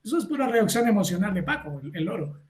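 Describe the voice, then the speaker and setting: A man giving a university lecture, lively, acting out little scenes and asking the class if they follow. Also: sits high, quick pace, roomy sound. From Colombia. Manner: animated, acts out little scenes and asks the class for agreement.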